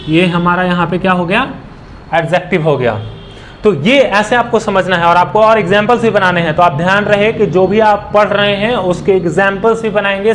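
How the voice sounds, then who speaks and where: A man teaching an online English grammar lesson in a slow, deliberate way, asking questions and answering them himself. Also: high voice, a little hiss or hum.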